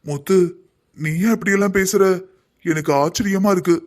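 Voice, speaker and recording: Soothing cartoon husband, voiced by a man, slightly raised pitch, calm. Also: normal speed, close to an everyday voice. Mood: pleading. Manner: calm, reasoning. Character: young husband and son, patient and soothing. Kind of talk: Tamil cartoon drama voicing.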